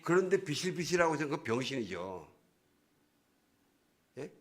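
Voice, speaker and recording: A man's voice: on the high side, sing-song, moderate pace. A male pastor giving a sermon, retelling a story vividly in casual, slangy speech. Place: church.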